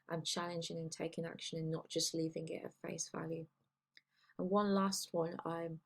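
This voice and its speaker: A woman's voice: lowish voice, creaky, husky. A woman teaching a recorded lesson, explaining points to her students in an encouraging way.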